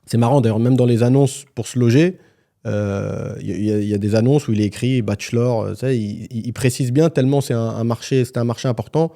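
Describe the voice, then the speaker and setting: A man's voice: medium pitch, fairly quick, vocal fry, mellow. A man co-hosting a casual podcast conversation, talking frankly and colloquially, with many restarts. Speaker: podcast co-host, property agent.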